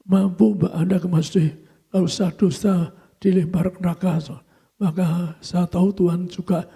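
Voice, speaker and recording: An older male pastor preaches a sermon in a high, gravelly voice that stays on a narrow, flat line. His tone is dark and husky, and he keeps circling back with a repeated "so" at the end of his phrases. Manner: repetitive preaching, tags phrases with "so".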